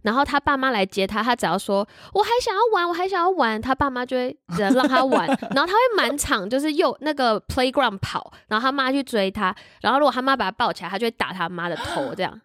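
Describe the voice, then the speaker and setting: Fast-talking young woman telling a story. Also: on the high side, no echo, clean studio sound. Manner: animated storytelling, acts out quotes. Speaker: podcast co-host, teacher. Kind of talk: casual chat.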